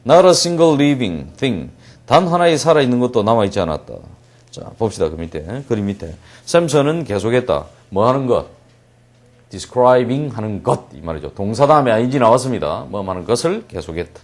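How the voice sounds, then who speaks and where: Animated male English teacher lecturing. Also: medium pitch. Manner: slow deliberate English reading, quick Korean explanation; asks questions and answers them himself. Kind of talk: classroom lecture.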